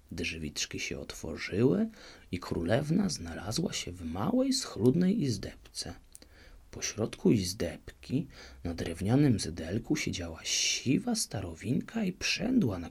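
A man narrating a fairy tale in an expressive, varied storybook reading. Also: lowish voice, creaky, breathy edge.

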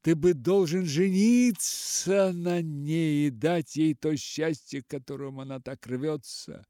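A man's voice: fairly high pitch, slow, warm tone, no room sound, clean studio sound, pitched above the performer's own voice. A male audiobook narrator voicing a brooding young man who mutters bitterly to himself. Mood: self-reproaching. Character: brooding young man, sailor turned writer. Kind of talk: literary audiobook reading.

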